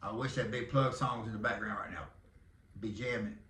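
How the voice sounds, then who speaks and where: A man's voice: lowish voice, fairly even intonation, a little fast, bright, forceful tone, distant mic. A Texan man in his fifties hosting a podcast, rambling and joking in casual talk, breaking into hollers now and then. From Texas. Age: 50s. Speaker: podcast host. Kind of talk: casual monologue. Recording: echoey room, off-mic.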